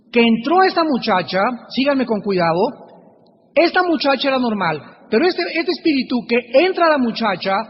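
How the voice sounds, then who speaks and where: Male preacher, very high voice, deliberate teaching cadence with repetition; dull lo-fi hall recording. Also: slightly rough. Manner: deliberate, repeats key phrases and slowly sounds out Greek terms. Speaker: preacher teaching a Bible study. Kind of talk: Bible lecture sermon. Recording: dull lo-fi recording in a reverberant hall with faint hiss.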